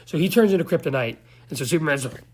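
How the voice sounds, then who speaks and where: A man's voice: on the high side, lively intonation, racing, breathy edge. A man giving a loose, slangy, profane recap of a movie, now and then losing track of names. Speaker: movie reviewer.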